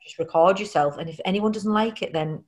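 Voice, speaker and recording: A woman's voice: fairly low pitch, fairly quick, darkish tone. A woman hosting a casual interview, talking in an encouraging, blunt, informal way. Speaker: podcast host.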